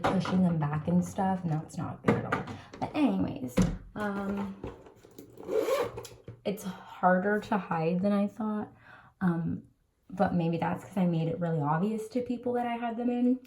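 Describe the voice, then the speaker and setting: A young woman talks casually to camera from her bedroom, with a slight lisp. Her pitch sits in an ordinary middle range. She rambles loosely, full of ums and likes, like a personal vlog. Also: warm tone. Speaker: vlogger.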